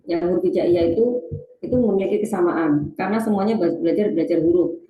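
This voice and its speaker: A woman's voice: fairly low pitch, fast, reverberant, muffled recording. A woman presenting an online webinar on teaching reading, talking to the audience and reading out chat replies with many fillers.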